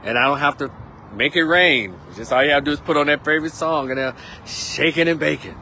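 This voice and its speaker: A man's voice: on the high side, a little fast, bright, forceful tone, a little hiss or hum. A man, chatting casually as a vlog host, rambling and laid-back with plenty of slang. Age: 50s. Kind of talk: casual monologue. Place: outdoors on a windy day.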